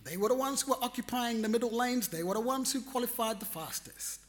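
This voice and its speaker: A man telling a personal story in a reflective, animated way, acting out his own reactions. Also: very high voice, brisk. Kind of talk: storytelling talk.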